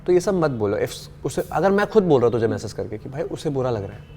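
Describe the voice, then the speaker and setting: A young man in a casual interview, pressing his points hard and dropping English phrases into his sentences. His voice sits at an ordinary mid pitch. A faint hum of background noise runs behind him. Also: very animated, fast talker, darkish tone. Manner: emphatic, argumentative, mixes in English phrases. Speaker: interview guest, reality show contestant.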